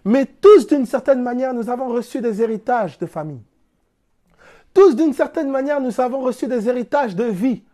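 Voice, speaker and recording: His voice is very high, warm, and expressive, moving at a moderate pace. The man, from France, is giving a spiritual teaching talk, explaining through everyday examples and rhetorical questions with casual, plainspoken phrasing.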